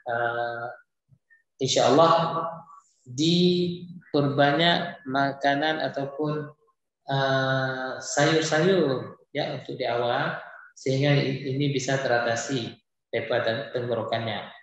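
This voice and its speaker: A man teaching Quran recitation, answering viewers' questions in a hesitant way with many filler pauses. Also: mid-range voice, steady tone, a bit bright. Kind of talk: live-streamed Q&A lesson. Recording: very echoey room.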